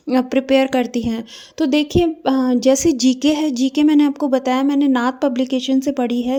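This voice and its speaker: A woman's voice: high voice, mellow. A young woman talking casually to her viewers about her study routine as a mother, chatty and full of small hesitations. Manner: chatty, addresses viewers as friends, frequent hesitations. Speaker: vlogger studying for an exam while raising a child.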